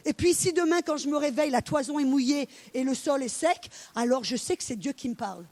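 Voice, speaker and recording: A woman in middle age delivers a sermon in a high voice. She tells her stories with energy and plays out the dialogue herself. She speaks straight to her congregation. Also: a little fast. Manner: animated storytelling, acting out dialogue. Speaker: preacher.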